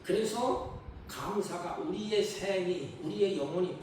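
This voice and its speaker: A man preaches a Sunday sermon in a high voice, acting out complaints in quoted lines. The sound is very echoey and distant, as if picked up from across a church sanctuary. A faint hum sits behind it. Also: measured pace. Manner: emphatic preaching, acting out the grumbling people's voices. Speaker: pastor.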